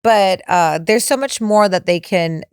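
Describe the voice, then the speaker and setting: A woman's voice: mid-range voice, unhurried, darkish tone, smooth, no echo, studio quality. A woman co-hosting a casual talk show, laid-back and hesitant, full of "like" and "I mean". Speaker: podcast co-host. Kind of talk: casual chat.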